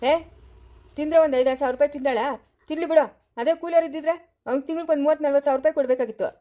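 A woman's voice: high-pitched, fairly even intonation, very fast, dark tone, close to an everyday voice. A woman playing a stern but kindly elder brother-in-law who owns a farm, scolding and soothing in a family drama. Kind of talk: amateur family drama acting.

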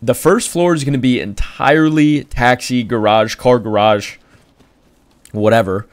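A man's voice: medium pitch, a little slow, dry recording. Casual young man hosting gaming videos. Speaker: video creator, host. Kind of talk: casual gaming chat and narration.

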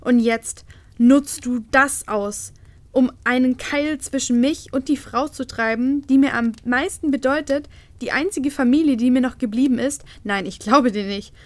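A woman's voice: high voice, unhurried, no room sound. A woman doing a proud, jealous queen. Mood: anguished. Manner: loud and forceful, with sobbing outbursts.

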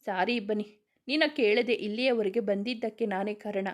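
A woman's voice: medium pitch, steady tone, moderate pace, lightly acted. Woman voicing a remorseful young brother. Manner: earnest, self-reproaching. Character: young man, remorseful protective older brother.

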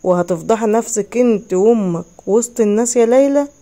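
A woman's voice: a little high, a little fast, mellow, close to an everyday voice. A woman voicing a predatory middle-aged stepfather with an Egyptian accent, speaking slyly and threateningly. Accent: Egyptian Arabic. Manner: sly, threatening.

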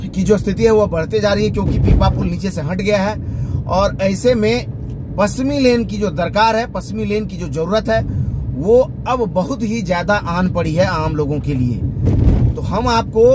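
A man's voice: high-pitched, moderate pace. A man, reporting as he drives, giving running commentary from inside a car. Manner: running commentary while driving. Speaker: local news reporter. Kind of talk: on-the-road video report. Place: inside a moving car on a bridge, outdoors at the end. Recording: road and traffic noise.

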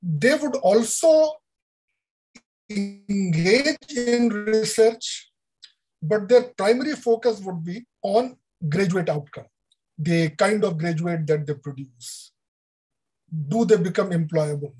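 An older man with an Indian English accent giving an online lecture over a video call, explaining deliberately with frequent fillers. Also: sits high, lively intonation, darkish tone, breathy edge, rough recording. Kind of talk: online lecture on education policy.

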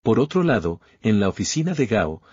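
A man tells a manhwa story in a casual, chatty way and drops in his own asides. His voice is low and husky. The recording is dry and lo-fi. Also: big pitch swings, brisk, a little mellow, dry recording. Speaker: manhwa recap narrator. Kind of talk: casual story recap narration.

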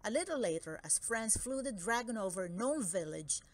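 A woman reads a children's book aloud with expressive, storytelling flair. Her voice is mid-range and her speed normal, though the background is noisy.

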